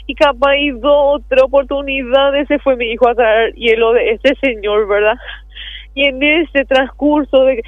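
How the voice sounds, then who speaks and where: Mom, high voice, anguished, keeps saying "right?", dull dry radio sound. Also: female voice, fairly even intonation, unhurried, no room sound. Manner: anguished, repeats "¿verdad?", acts out her child's words. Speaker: mother telling her story on the radio. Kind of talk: distressed personal account. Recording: muffled dry radio audio.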